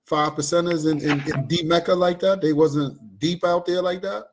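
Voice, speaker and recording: A man's voice: fairly high pitch, steady tone, normal speed. A man hosting a casual conversation, affirming his guest and often adding "you know what I mean.". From Richmond, Virginia. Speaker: host.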